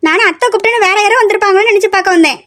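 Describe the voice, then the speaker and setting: A courteous young bride, voiced by a woman, in a homemade audio drama. She answers her elders deferentially at a brisk pace. Her voice is high and light. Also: fairly bright tone. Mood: polite. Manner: polite, deferential. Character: polite young bride, soft-spoken.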